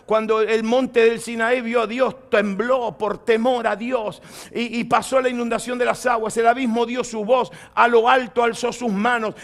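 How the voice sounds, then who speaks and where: A pastor preaching a sermon to a congregation. He asks them questions and rises to loud proclamation as he reads scripture. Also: very high-pitched. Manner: lively preaching, rising to loud proclamation when reading scripture.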